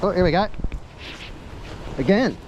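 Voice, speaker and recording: An Australian man chatting casually and excitedly while fishing, with a blokey, sweary tradesman's way of talking. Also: high voice, unhurried, a little hiss or hum, low-quality recording. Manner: rough-and-ready Aussie tradesman talk, blokey and sweary. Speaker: fishing vlog host. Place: outdoors on a boat at sea.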